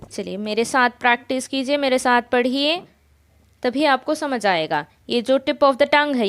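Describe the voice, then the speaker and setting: Clear high-voiced woman teaching slowly. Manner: slow, drawn-out letter recitation; explains step by step, often checks in. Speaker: Quran reading teacher. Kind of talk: patient spoken lesson.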